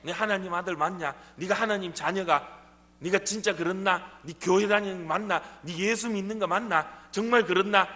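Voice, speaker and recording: A preacher doing a jeering devil. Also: male voice, high-pitched, normal speed, bright, forceful tone. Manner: sing-song jeering questions. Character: taunting male devil, mocking and goading. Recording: long church hall reverb.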